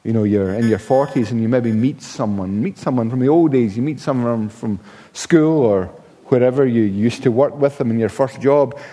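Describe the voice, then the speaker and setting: A man's voice: medium pitch, normal speed, mellow. A man preaching a sermon in an emphatic manner, often restarting his words. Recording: long reverb of a large hall.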